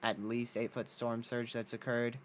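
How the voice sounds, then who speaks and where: A man's voice: medium pitch, monotone, moderate pace. Man giving casual live storm commentary. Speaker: weather livestream host.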